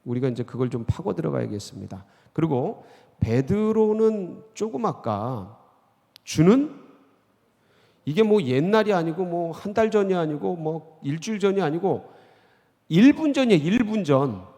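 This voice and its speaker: A man preaching as senior pastor in a church sermon, asking the congregation question after question and bursting out loudly when he quotes scripture. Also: on the high side, very animated, normal speed, creaky, long reverb tail. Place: church sanctuary.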